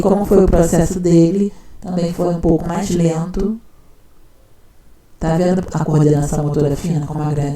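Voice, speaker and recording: A woman's voice: low voice, dark tone. A woman teacher, talking casually and often checking in with her listener. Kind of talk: casual explanatory talk.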